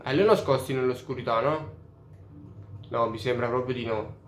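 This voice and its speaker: A man chatting through a let's play, cursing often and admitting out loud that he is lost. His pitch sits at an ordinary middle. The sound carries a noticeable room echo. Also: moderate pace, soft background music. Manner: profane, openly baffled. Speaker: gamer. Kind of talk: casual let's play commentary. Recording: roomy echo.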